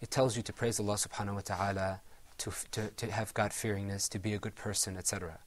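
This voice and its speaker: A man's voice: fairly low pitch, little pitch movement. Patient male recitation teacher. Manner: encouraging, drawn-out modeling of pronunciations. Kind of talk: patient classroom instruction.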